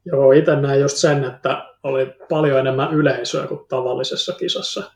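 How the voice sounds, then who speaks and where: A man's voice: medium pitch, fairly even intonation, gravelly. A man speaking as a podcast guest, with brief, matter-of-fact answers. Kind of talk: casual chat. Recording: roomy echo.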